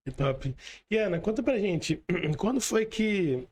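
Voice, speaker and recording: This man's high voice has a breathy edge and lively intonation, though he speaks slowly. He hosts a podcast with a Brazilian Portuguese accent, chatting casually with lots of fillers and tag questions, and often drops "cara" and "né."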